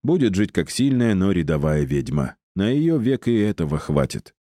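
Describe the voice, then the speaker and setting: A male audiobook narrator with a deep, dark voice. He reads in a measured, even way. The sound is dry and close. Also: no room sound. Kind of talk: scripted narration.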